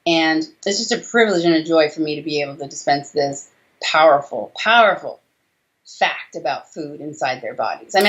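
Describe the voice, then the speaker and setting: Speaking in a fairly low voice, an American doctor and author in her forties answers health questions as a guest on a video-call interview. She explains things emphatically and with animation, in a conversational style that leans on rhetorical tag questions. The sound from her small indoor room comes through dull.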